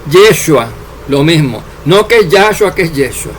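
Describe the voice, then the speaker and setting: A man preaching a sermon, addressing his listeners directly and letting his voice drop low and soft at the ends of phrases. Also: lively intonation, measured pace, slight background noise. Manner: addresses listeners as dear servants, drops voice at endings.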